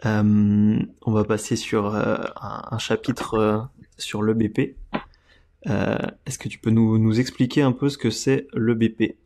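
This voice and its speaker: A man hosting a podcast, talking in a casual, measured way and giving his listeners direct advice. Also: on the low side, level tone, gravelly, darkish tone. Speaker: podcast host.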